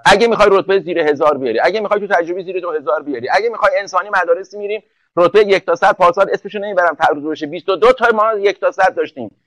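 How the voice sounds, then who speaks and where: A man's voice: high voice, fairly bright tone, dry recording, highs cut off. A man teaching English for an entrance exam in a live online class, joking and speaking directly to students one by one.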